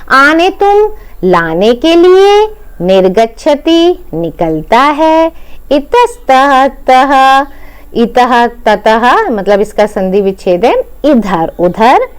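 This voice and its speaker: A woman's voice: mid-range voice, smooth. A woman teacher explaining a Sanskrit lesson in Hindi, going word by word, repeating each meaning and checking in with her students. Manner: addresses students as "बेटा".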